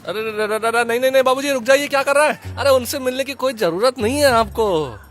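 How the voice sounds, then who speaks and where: A man playing an excitable crude young guy. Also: a little high, moderate pace. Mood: excited. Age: young adult. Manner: crude and excitable, swears freely.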